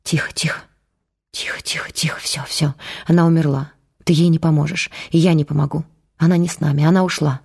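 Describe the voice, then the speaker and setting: A woman voicing a steady, wounded male fugitive in an audiobook, curt, then hushed and soothing. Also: low voice, fast talker, vocal fry, breathy edge, full character voice.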